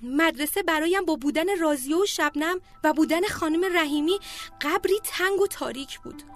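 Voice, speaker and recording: High-voiced woman narrating a memoir. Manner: heartfelt, measured reading. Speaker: storyteller. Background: faint music.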